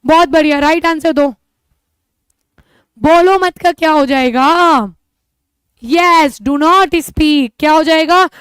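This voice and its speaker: A woman's voice: high voice, takes it slowly, long pauses, fairly bright tone, no room sound. A woman teacher giving an English-speaking class, encouraging her students and repeatedly asking and answering her own questions. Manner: addresses students as children. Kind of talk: online class lesson.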